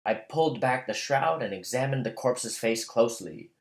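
A man narrating a classical tale in a measured, literary reading style. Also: mid-range voice, animated. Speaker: storyteller. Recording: roomy echo.

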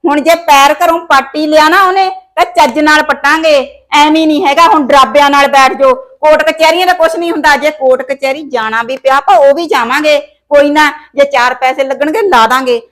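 A woman's voice: sits high, fairly even intonation, brisk, a bit bright. A woman playing a domineering, scheming mother-in-law in a village comedy short film, scolding her son.

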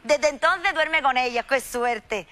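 A woman's voice: sits high, slow, sharp tone, heavily acted. A woman playing a gossipy, melodramatic hotel maid. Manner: melodramatic, gossipy, shrieks and pleads. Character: nosy gossipy hotel maid, excitable middle-aged woman. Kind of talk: TV sketch comedy acting.

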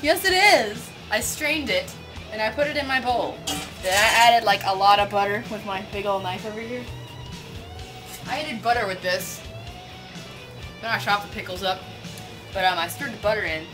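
Bubbly and teasing, a young woman runs a homemade cooking show from a small home kitchen, her mid-range voice heard over music. Every so often she bursts out with a quick exclamation.

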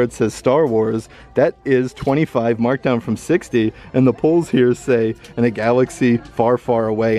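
A man's voice: medium pitch, warm tone. Upbeat man narrating a store walkthrough. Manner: upbeat, enthusiastic, reads out prices. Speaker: vlogger. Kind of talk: walkthrough shopping vlog narration. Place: indoor retail outlet store. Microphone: handheld camera mic, filming himself browsing.

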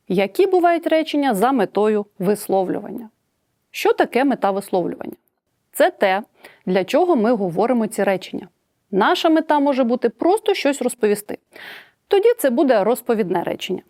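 A woman's voice: mid-range voice, a little mellow, no room sound, clean studio sound. A woman teacher with a Ukrainian accent explaining grammar in a recorded lesson, acting out example sentences with changing intonation. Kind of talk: recorded distance-learning lesson.

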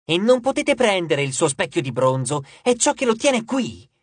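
A man voicing giddy, lovestruck nymphs who squeal and shout in adoration. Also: high voice, big pitch swings, moderate pace, husky, no room sound, exaggerated voice. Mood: swooning.

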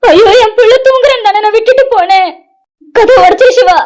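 A woman's voice: very high-pitched, a little fast, a little mellow. A woman voicing a worried middle-aged mother in an amateur cartoon, talking in a wailing, distraught way.

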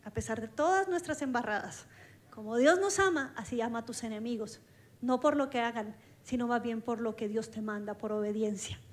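A woman with a high voice preaches, telling her story in a lively way. She acts out the dialogue as she goes, and she speaks from a church stage. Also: normal speed. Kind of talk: storytelling sermon.

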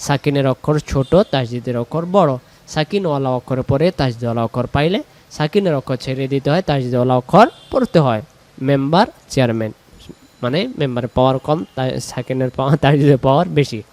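A man's voice: mid-range voice, darkish tone. Man teaching Quran recitation. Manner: explains rules quickly, then recites verses slowly in drawn-out chant. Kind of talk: recitation lesson, explaining and chanting.

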